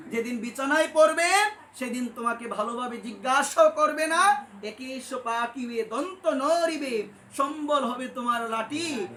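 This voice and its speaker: A man's voice: extremely high pitch, bright, forceful tone, a little hiss or hum. A man preaching a devotional sermon, impassioned and telling stories, often rising to emphatic peaks and calling his listeners mother. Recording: echoey room with faint ambience.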